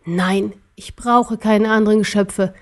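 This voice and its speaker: A woman's voice: medium pitch, steady tone, lightly acted. Woman playing a scornful ancient emperor. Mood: gloating. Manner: slow, scornful and gloating. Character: arrogant ancient male emperor, cruel and cold. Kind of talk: audiobook character voice.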